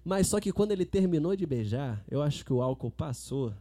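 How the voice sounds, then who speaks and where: Guy from rio, higher voice, laughing thru a wild story in a casual podcast chat. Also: fairly quick. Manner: animated, laughs while telling a story.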